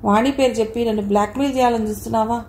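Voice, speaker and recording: A woman reading the lines of a scheming young man who speaks with sharp reproach and shouts when frightened, in an echoey room. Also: on the high side, steady tone, racing, close to an everyday voice. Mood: shouting. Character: scheming young man, lustful, later panicked.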